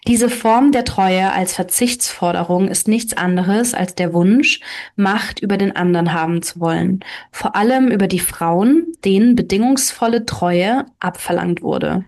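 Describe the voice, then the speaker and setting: A woman's voice: mid-range voice, unhurried, darkish tone, natural voice. Woman reading a confident free-spirited woman. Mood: persuasive. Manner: firm, lecturing. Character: self-assured woman preaching free love.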